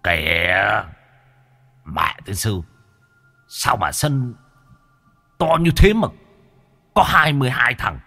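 A crude old ghost up from the underworld, cackling and coarse, hollers like a sports fan in a low, husky voice, as a man puts him on. The delivery is rowdy and loose. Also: lively intonation, slow pace, long pauses, pushed and bright, faint music behind, full character voice. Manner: rowdy, coarse football heckling.

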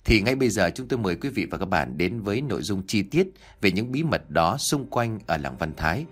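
Lively male storyteller. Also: on the low side, a little fast, faint music behind. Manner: lively, formal address. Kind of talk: ghost story narration.

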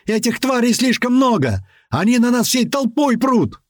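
A panicked, foul-mouthed driver screams high and strained in an audiobook, as a male narrator puts him on. His voice leaps far above an ordinary speaking pitch and stays jumpy and lively, and the close, dry recording keeps every shout right in your ear. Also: normal speed, no room sound. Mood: panicked yelling. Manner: yelling and swearing.

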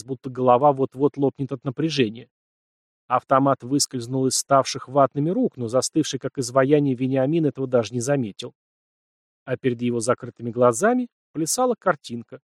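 A man's voice: mid-range voice, dry recording. Male audiobook narrator, dry close sound.

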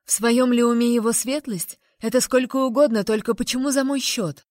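A woman voicing an indignant, sharp-tongued young noblewoman, exclaiming sharply in a raised, louder voice, recorded dry. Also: mid-range voice, a little fast, dry recording, lightly acted. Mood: outraged.

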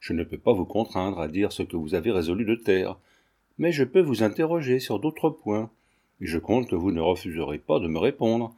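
A man voicing a principled investigating judge who speaks in a formal, measured way, in a storybook reading. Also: on the low side, very animated, mellow, slightly rough, exaggerated voice.

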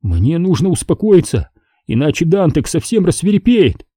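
A man voicing a frightened crewman in a deep-sea vessel who speaks in a hushed, anxious way. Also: very animated, normal speed, dry recording, studio quality. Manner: whispering, anxious.

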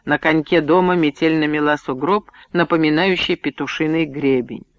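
A man reading a novel aloud as an audiobook narrator, steady and even storytelling. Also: fairly high pitch, moderate pace, no echo. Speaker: audiobook reader. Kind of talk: scripted narration. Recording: muffled, dry audiobook recording.

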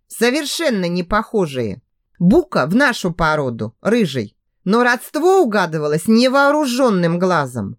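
A woman narrating a story in the first person, with a sarcastic, expressive delivery. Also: mid-range voice, dry recording, studio quality. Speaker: audiobook narrator.

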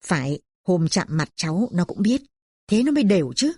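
A woman voicing a middle-aged neighbor who calmly passes on news and gossip. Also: fairly low pitch, moderate pace, husky, no room sound, studio quality.

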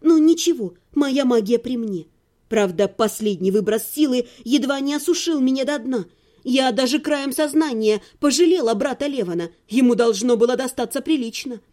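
A woman narrates a first-person fantasy story in an expressive reading voice. Her voice sits high, yet the tone stays mellow and soft-edged. She reads the narration between the characters' lines. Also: moderate pace. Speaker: audiobook narrator.

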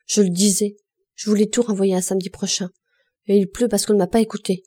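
A woman's voice: medium pitch, fairly even intonation, a little fast, warm tone, breathy edge, lightly acted. A woman voicing a fussy, angry married woman at a wedding, sputtering indignant complaints.

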